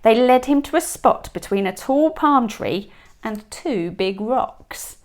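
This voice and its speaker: Teacher lady reading a kids picture book, real slow, whispers the spooky bits. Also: a little high. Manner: expressive storybook reading, drops to a whisper for suspense.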